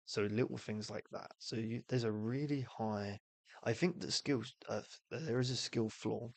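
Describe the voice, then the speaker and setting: A man's voice: mid-range voice, measured pace, creaky, a little mellow, dry recording. A man streaming, casually explaining game rules and thinking aloud with fillers while rolling dice.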